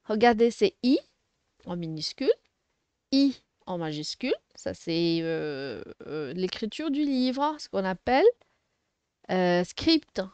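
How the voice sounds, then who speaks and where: A woman teaching a first-grade phonics lesson, speaking slowly and articulating syllables clearly, encouraging young pupils. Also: medium pitch, big pitch swings, darkish tone, dry recording, highs cut off. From Arabic-speaking background.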